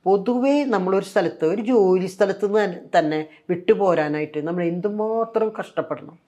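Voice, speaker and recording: Speaking at a moderate pace with a medium-pitched voice, an older woman from Kerala, India, shares her experiences as a former nun in an interview. Her Malayalam accent is clear, and she storytells conversationally, dramatizing quoted speech and using many fillers.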